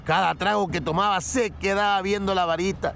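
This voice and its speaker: A man's voice: high-pitched, fairly quick, creaky, slight background noise. A man with a Mexican Guerrero-coast accent, a guest comedian telling jokes on a radio show and acting out voices in them. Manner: lively joke delivery, acts out voices in his jokes.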